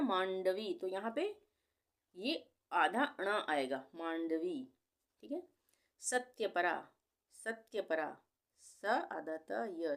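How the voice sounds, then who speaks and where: A woman teaching Hindi spelling on a video channel, patiently repeating each name slowly, syllable by syllable, with a few English words mixed in. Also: lowish voice.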